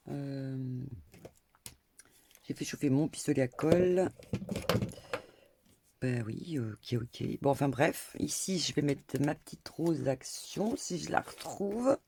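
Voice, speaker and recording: Slow, gravelly-voiced grandmother crafting. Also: low-pitched, dark tone. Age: older. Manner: chatty, rambling, full of hesitations and little asides. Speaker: crafting vlogger. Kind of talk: casual crafting tutorial chat. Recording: faint background noise and clicks.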